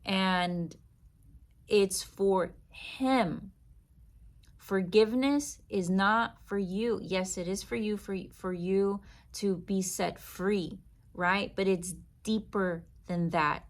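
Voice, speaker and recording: Slow, earnest woman giving faith encouragement. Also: medium pitch. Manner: earnest, emphatic, with dramatic pauses. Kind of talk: spoken devotional encouragement.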